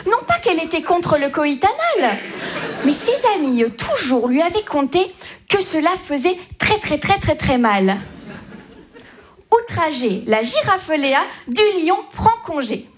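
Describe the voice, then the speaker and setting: A woman's voice: high-pitched, big pitch swings, a little slow, background noise. A woman narrating a bawdy comic fable in rhyming verse, with a playful, sing-song delivery. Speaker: storyteller.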